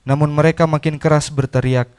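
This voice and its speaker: A man reading scripture aloud in church, steady and measured. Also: fairly high pitch, clean tone. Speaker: scripture reader.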